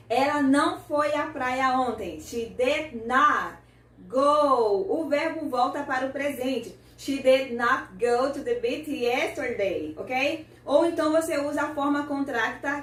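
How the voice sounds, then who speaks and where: High-voiced woman teaching English grammar. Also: echoey room, recorded from a distance. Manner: slow, careful model sentences in English, repeated for the learner. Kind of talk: grammar lesson.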